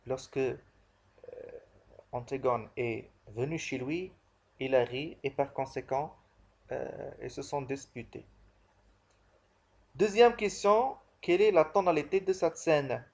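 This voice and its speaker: A man's voice: medium pitch, darkish tone. A man teaching a literature lesson, working through questions and answers in a didactic way and repeating key phrases.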